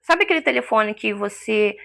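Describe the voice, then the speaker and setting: A woman's voice: medium pitch, expressive, normal speed, vocal fry, fairly bright tone, dry recording. A woman giving an emotional personal testimony as an interview guest, a vivid storyteller who acts out the voices she quotes.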